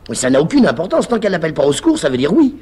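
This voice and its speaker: Man doing confident worldly teacher, knowing, coaxing, animated pitch, radio reading. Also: very fast, husky, heavily acted. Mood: assured. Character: worldly, self-assured male teacher friend. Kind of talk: live radio reading of a play.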